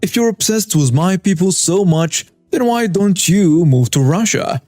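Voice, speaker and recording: A man voicing a big, patient, protective Russian man who speaks calmly and measuredly. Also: high voice, no echo, pitched above the performer's own voice. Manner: calm, measured.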